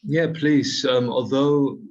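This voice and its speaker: Casting: young man in his twenties, monotone and hesitant, dull call audio. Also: mid-range voice, slow pace. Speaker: permaculture project partner. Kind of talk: video call conversation. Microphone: video call.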